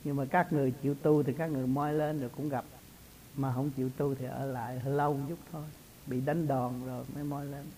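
A man's voice: mid-range voice, flat delivery, fast talker, mellow, a little hiss or hum, poor audio. A man, a spiritual teacher talking casually in a folksy, storytelling way and laughing often. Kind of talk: casual religious talk.

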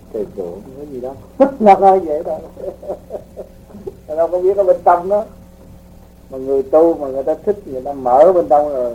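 A man teaching spiritual practice in a relaxed, folksy way, explaining with homely examples to his students. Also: on the high side, phone-quality sound, slight background noise. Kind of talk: casual spiritual teaching talk.

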